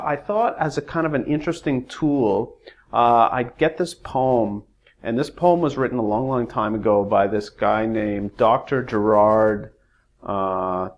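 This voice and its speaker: Slow-talking man teaching English. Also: fairly low pitch, muffled recording. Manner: rambling, hesitant with frequent fillers; reads verse slowly with exaggerated rises and falls. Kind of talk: casual whiteboard lesson.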